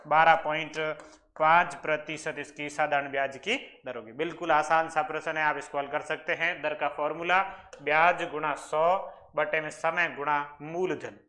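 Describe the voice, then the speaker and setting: A man's voice: on the high side, level tone, moderate pace, bright, forceful tone. A male maths teacher explaining exam questions step by step, asking questions and answering them himself. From Rajasthan, India. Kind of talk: exam-prep maths lesson.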